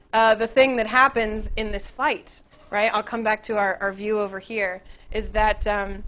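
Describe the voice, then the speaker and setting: A woman's voice: a little high, fairly bright tone. A young adult woman hosting a live online class in an upbeat, chatty way, laughing often. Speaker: webinar host and educator.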